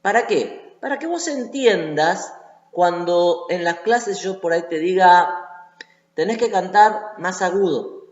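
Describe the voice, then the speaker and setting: A man's voice: high voice, animated, slow. A man with a Rioplatense Spanish accent teaching a voice lesson, explaining step by step and often checking in with the listener. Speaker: singing teacher. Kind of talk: online voice lesson. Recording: echoey lo-fi room recording.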